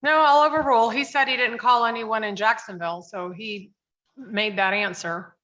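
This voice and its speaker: A woman's voice: a little high, fairly even intonation, normal speed, pushed and bright. A woman presiding as judge in a court hearing, giving procedural instructions, heard on a courtroom recording. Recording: dull lo-fi courtroom audio.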